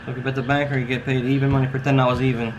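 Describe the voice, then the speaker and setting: A man's voice: mid-range voice, little pitch movement, racing. Male casino croupier, noisy background. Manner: calls out hands in clipped dealer phrases. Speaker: instructor demonstrating card dealing. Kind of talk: casino croupier calls mixed with casual tutorial talk. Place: at a card table beside a brick wall and door. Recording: noisy, with ambient background sound.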